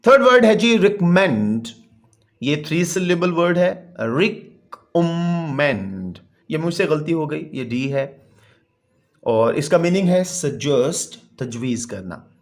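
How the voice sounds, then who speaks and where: A man explaining a textbook lesson, reading English lines slowly and then translating them with formal Urdu vocabulary. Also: a little high, expressive. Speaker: teacher.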